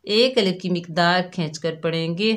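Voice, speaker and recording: A woman's voice: fairly low pitch, moderate pace. A woman teaching Quran recitation, patiently spelling out each syllable and repeating it. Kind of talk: slow step-by-step recitation lesson.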